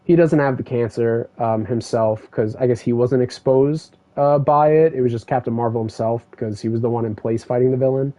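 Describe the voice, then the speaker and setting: A man with a warm mid-range voice chats casually while streaming a game, talking fairly quickly with few pauses. He rambles through a story full of fillers. His stream mic sounds dull and lo-fi.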